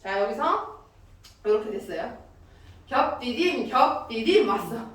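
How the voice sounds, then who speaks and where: A woman teaching a dance class, calling out counts and giving brisk instructions. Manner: brisk, lively beat counting with high calls. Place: dance studio with mirror. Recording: echoey studio, distant from mic.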